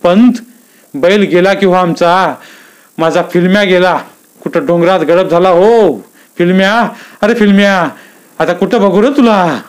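A man's voice: sits high, normal speed, pauses often, clean tone, pitched above the performer's own voice, close to an everyday voice. A man voicing a distraught young village man who has lost his mind, talking in rustic dialect and wailing over a lost bullock. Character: distraught young village man, potter's son, gone mad.

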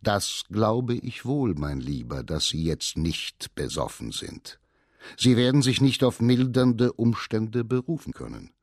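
A man's voice: medium pitch, sing-song, no echo, studio quality. A man doing an icy, haughty actor. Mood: menacing. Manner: slow, quiet and cutting. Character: cold haughty male actor, icily contemptuous.

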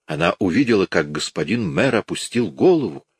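A man narrating an audiobook in a measured, dramatic reading. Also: deep voice, very animated, slightly rough, no room sound, clean studio sound. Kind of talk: scripted narration.

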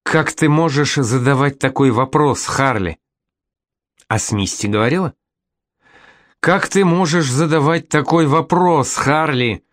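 A man's voice: a little high, unhurried, dry recording, studio quality, voice pushed up, lightly acted. A man voicing a distraught middle-aged mother whose voice trembles on the edge of hysteria. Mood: indignant.

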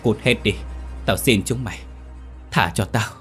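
A man voicing a terrified young village man who pleads in a rapid panic. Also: on the low side, faint music behind, lightly acted. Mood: terrified begging.

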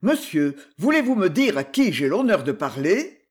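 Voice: medium pitch, very animated, lightly acted. A reader putting on a haughty indignant nobleman. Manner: haughty, quick to outrage. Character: proud indignant nobleman, adult man. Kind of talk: audiobook character voice.

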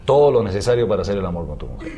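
A man who is a guest on a radio show, telling a joke haltingly with fillers and bursts of laughter. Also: low voice, very animated, dull audio, a loud crowd. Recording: noisy radio broadcast.

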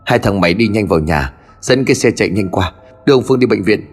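A man's voice: lowish voice, lively intonation, quick pace, big-room sound, faint music behind. A man voicing a blunt middle-aged villager giving urgent orders.

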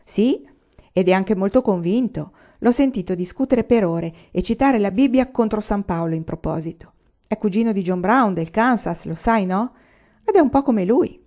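A woman's voice: medium pitch, animated, moderate pace, dark tone, lo-fi sound, lightly acted. A woman reading the part of an earnest young frontier man who pleads urgently and anxiously.

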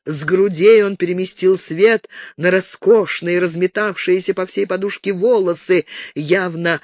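A man reading a romance novel aloud as narrator with measured, expressive delivery. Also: high voice, dry recording. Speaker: audiobook narrator. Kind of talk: scripted narration.

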